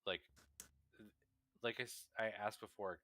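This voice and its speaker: A man playing a character in a tabletop game, halting and hesitant as he decides what to do. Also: on the low side, fairly even intonation, a bit bright. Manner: hesitant, full of fillers. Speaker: player.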